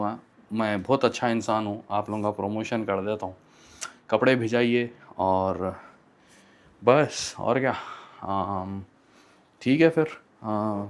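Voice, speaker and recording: A young man from Hyderabad with a Hyderabadi accent, chatting casually in his vlog and switching freely between Hindi and English. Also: fairly low pitch. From Hyderabad, India. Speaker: vlogger.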